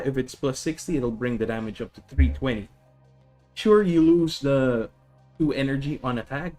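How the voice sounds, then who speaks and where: On a live stream, a Filipino man explains a card deck in a relaxed, chatty way, often correcting himself and saying hello to viewers. His voice is mid-range with a darkish tone, carrying the accent of his home country, the Philippines.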